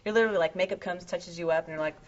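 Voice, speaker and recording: A woman's voice: lowish voice, very fast, a loud crowd. A woman in her thirties, an actress, chatting casually and giggling as she gives a tour backstage at a television studio. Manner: chatty and giggly, with playful asides. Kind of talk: casual guided tour chat. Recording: slightly dull web video audio.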